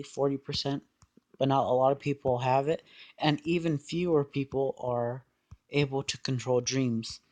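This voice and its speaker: A man giving a casual explanatory monologue in a hesitant, halting way, often trailing off. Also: medium pitch, a little mellow.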